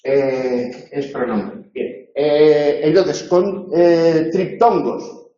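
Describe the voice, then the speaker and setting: A man from teaching a university tutorial, going through spelling examples slowly and checking in with "¿eh?". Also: a little high, fairly even intonation, dark tone. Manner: slow, deliberate spelling drills with questioning "¿eh?". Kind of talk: recorded tutorial lecture. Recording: roomy, dull lecture recording.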